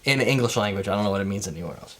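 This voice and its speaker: A man's voice: fairly low pitch, racing, fairly bright tone. A man in his thirties hosting a casual, joking chat about cocktails. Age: 30s. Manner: joking, rambling, teasing. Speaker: host.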